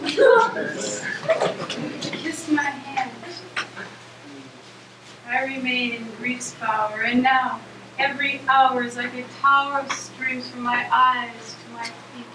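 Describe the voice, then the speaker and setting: A woman playing a melancholy poet-heroine, declaiming theatrical monologues with deliberate phrasing. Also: high-pitched, steady tone. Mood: mournful, reflective. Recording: echoey, noisy, distant room recording.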